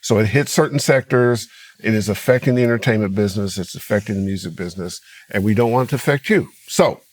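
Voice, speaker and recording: A man's voice: mid-range voice, no echo. Upbeat man hosting a talk show. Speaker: podcast host. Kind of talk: casual studio talk show.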